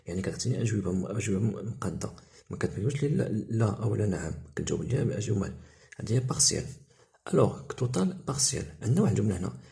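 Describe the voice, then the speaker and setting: A man with a Moroccan Arabic accent, a French teacher explaining a textbook lesson, mixing Arabic with French terms and reading examples slowly. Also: fairly low pitch, creaky, dark tone.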